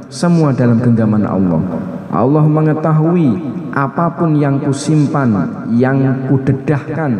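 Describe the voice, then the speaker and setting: A man's voice: mid-range voice, warm tone. A man giving a casual religious study sermon, repeating phrases and slipping into colloquial asides. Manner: conversational, repetitive preaching with colloquial asides. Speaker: religious teacher. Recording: echoey hall with long reverb.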